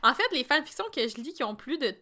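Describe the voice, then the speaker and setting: A woman's voice: high voice, expressive, quick pace, noisy background. A woman with a Québécois accent co-hosting a casual podcast, playful and full of food metaphors. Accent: Québécois French. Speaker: podcast co-host. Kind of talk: casual chat.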